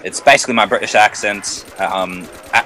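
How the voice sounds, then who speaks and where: A man's voice: on the low side, normal speed, pushed and bright. A man putting on an upper-class British bloke's voice over a noisy call. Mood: mock posh.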